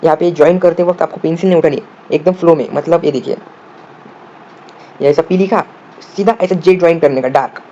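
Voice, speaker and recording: A man explains shorthand step by step, asking the viewer questions and answering them himself, sometimes spelling words out slowly. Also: on the high side, dark tone. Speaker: shorthand teacher. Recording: dull lo-fi audio with faint room noise.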